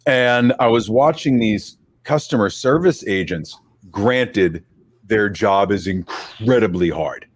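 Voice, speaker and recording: A man's voice: lowish voice, lively intonation, takes it slowly. A man hosting a casual podcast, talking in an easygoing, rambling way and teasing his co-hosts. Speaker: podcast host.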